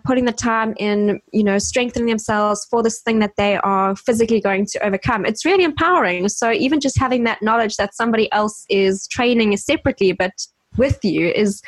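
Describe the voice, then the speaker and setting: A woman co-hosting a podcast in casual chat, talking brightly and laughing often, with high giggles. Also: no room sound. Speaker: podcast co-host.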